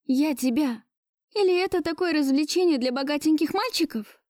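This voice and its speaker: Woman voicing a shrill, distraught young heroine. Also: lively intonation, fairly quick, darkish tone, no echo, clean studio sound. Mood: bitter. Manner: shrill, near hysterical outbursts.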